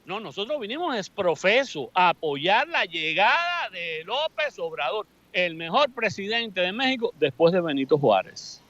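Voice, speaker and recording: Un hombre cubano con acento cubano, entrevistado en la calle, habla con fervor y sin filtro, soltando groserías. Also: male voice, sits high, sing-song, moderate pace, hardly any pauses, fairly bright tone, dry recording. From Cuba. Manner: fervent, blunt, cursing freely. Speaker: supporter interviewed on the street. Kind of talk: street interview. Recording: dull lo-fi dry sound.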